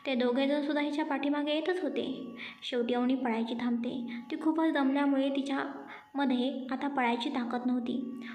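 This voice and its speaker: A woman narrating a dramatic audio story in a steady storytelling manner. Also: high voice, moderate pace. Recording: echoey room with faint music.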